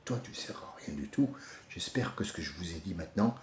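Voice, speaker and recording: A man giving an informal religious commentary, passionate and digressive, swinging from soft musing to loud ranting. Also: sits low, animated, a little fast, reverberant, slight background noise. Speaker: religious speaker.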